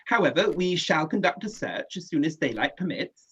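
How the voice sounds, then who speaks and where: An actor playing a measured, skeptical astronomer professor who waves off wild theories in a radio drama. His voice is husky and a little breathy. The sound is dull and lo-fi, as if sent over a home connection. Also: a little high, sing-song, fairly bright tone, heavily acted. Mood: assured. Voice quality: measured, dismissive. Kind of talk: amateur radio play acting.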